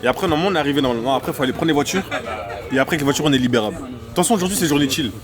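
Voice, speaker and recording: A young man hosting a vlog, joking in quick slangy banter with friends aboard a crowded train. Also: a little high, animated, crowd noise. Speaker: vlogger host. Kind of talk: casual chat.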